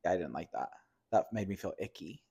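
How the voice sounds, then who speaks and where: A man co-hosting a podcast, tossing off campy, quick-witted quips in casual chat. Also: deep voice, animated, warm tone, husky. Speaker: podcast co-host.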